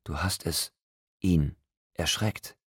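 A man voicing a quiet, intense young man in an audiobook, speaking in a hushed and halting way. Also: low voice, expressive, breathy edge, no room sound, clean studio sound, exaggerated voice. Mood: awed.

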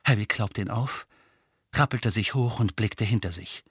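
A man narrating an audiobook in an expressive, suspenseful style, slowing down at tense moments. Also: on the low side, breathy edge, dry recording, clean studio sound. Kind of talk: dramatic scripted narration.

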